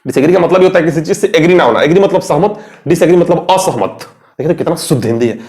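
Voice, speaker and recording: A young man with an Indian accent talks through synonyms in a relaxed, conversational lesson. His voice sits a little high for a man. He keeps asking his listeners questions and then answers them himself. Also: fast. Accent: Indian English. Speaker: English teacher. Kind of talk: Hindi-language vocabulary lesson at a board.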